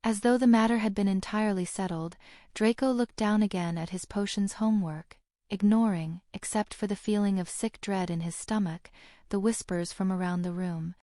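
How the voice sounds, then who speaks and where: Mellow woman narrating an audiobook. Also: mid-range voice, normal speed, no echo, clean studio sound. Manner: steady, even storytelling delivery.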